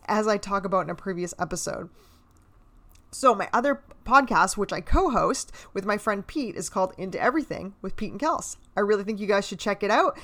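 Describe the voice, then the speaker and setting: A cheerful woman hosts a casual podcast chat. She talks in an upbeat, friendly way and scatters "um" through her sentences. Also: medium pitch. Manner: upbeat, with many "um" fillers. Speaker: podcast host.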